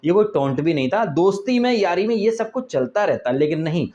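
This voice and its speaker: Guy ranting sarcastically about a tv show, kinda high voice, muffled dull sound. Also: brisk. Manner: sarcastic, mocking, animated. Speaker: TV show reviewer. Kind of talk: casual review commentary.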